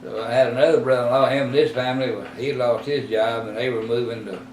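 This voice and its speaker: An eighty-something man from Texas gives an oral history interview, slowly recalling the past with rambling, halting speech and plenty of fillers and self-corrections. His voice sits in the mid range with fairly even intonation. It's recorded on a distant, roomy mic with clear background noise.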